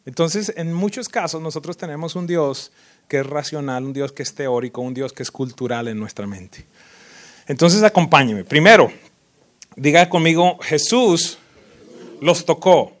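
A man preaching a sermon as a pastor, lively and full of sudden loud rises and teasing impressions of worshippers. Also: on the high side, normal speed.

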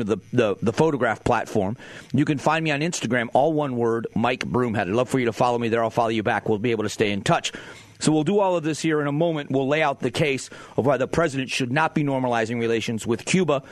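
A man's voice: mid-range voice, no echo. Man in his forties, talk radio host, opinionated monologue, emphatic and conversational, dry studio sound. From Southwest Florida, USA. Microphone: studio microphone.

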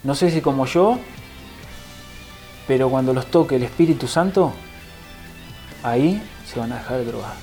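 A man with a warm, mellow Rioplatense accent tells his conversion story as a guest on a program. He speaks with feeling, bringing the scenes to life and voicing the people in them. Soft music plays faintly in the background. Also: mid-range voice, normal speed, long pauses, low-quality recording. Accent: Rioplatense Spanish. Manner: emotional storytelling, acts out what others said. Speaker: guest giving a testimony. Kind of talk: personal conversion testimony.

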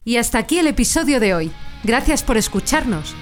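A woman, hosting a singing-lesson podcast and explaining things in a clear teaching tone. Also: fairly high pitch, big pitch swings, fairly quick, faint music behind.

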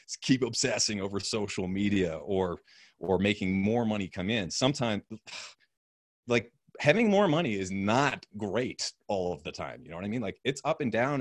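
A man with a lowish voice speaks as a podcast guest in loose, casual conversation. He sounds easygoing and reflective, dropping in filler words as he thinks aloud. The recording is dry and close. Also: no room sound.

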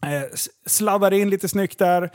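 A man in casual podcast chat, telling a story in an animated way, swearing freely and acting out the dialogue. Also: sits high.

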